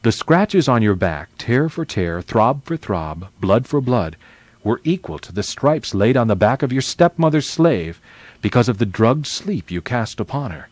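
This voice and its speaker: A man voicing a majestic, wise male lion in a children's story read aloud, speaking slowly and gravely. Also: mid-range voice, very animated, no echo. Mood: solemn. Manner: slow, grave, deliberate speech. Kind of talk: reading a children's novel aloud.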